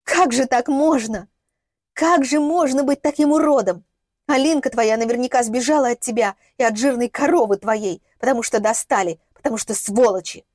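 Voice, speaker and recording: A woman voicing a furious, scornful young mother with shrill shouting. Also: animated, a little slow, slightly rough, no echo, studio quality.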